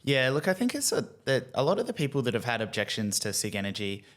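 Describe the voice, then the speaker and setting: A man's voice: medium pitch, very animated, fast talker, fairly bright tone. A man hosting a podcast, talking conversationally with frequent restarts. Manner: conversational, lots of "you know" and restarts. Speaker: podcast host. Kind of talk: casual chat.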